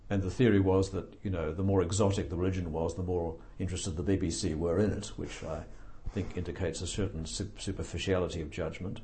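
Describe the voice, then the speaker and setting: An older man speaks in a very deep, mellow voice, answering interview questions at a measured, reflective pace. He pauses often with fillers and slips in dry, understated humor. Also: fairly even intonation. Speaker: author being interviewed.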